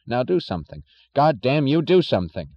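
A man's voice: sing-song, fairly quick, no echo. Guy reading a screaming panicky boss man, voice jumps way up, kinda dull lo-fi audio. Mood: frantic rage. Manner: yelling, frantic, high-pitched outbursts. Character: panicking male official, shrill and bullying.

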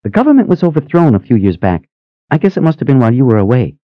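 A man voicing an excitable, bubbly woman, a religious sister, with a high, gushing and breathless manner. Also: fast, no room sound, muffled recording, natural voice. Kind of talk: audiobook character voice.

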